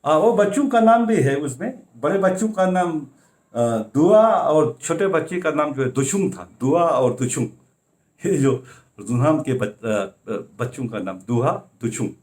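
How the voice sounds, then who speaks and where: A man's voice: on the high side, animated, a little slow, darkish tone. A man narrating a folk tale in a loose conversational way, full of filler phrases. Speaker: storyteller. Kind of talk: casual oral storytelling.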